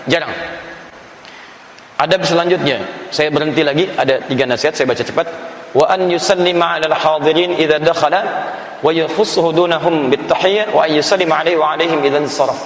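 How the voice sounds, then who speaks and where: Fast, high-voiced male preacher. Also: slight background noise. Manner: emphatic, animated, mixing in Arabic phrases. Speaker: religious teacher. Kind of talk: sermon-style religious lesson. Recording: echoey hall with long reverb.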